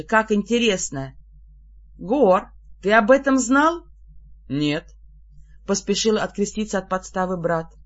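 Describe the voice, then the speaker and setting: An audiobook reader telling a fantasy story in the first person, with a lively, exasperated edge in the heroine's own lines. Pitch sits in a middle range. The recording sounds slightly dull and lo-fi. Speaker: audiobook narrator.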